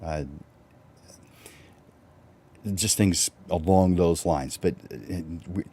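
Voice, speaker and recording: A man with a low voice hosting a live-stream teaching talk, relaxed and conversational, with fillers and restarts. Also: measured pace. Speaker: host.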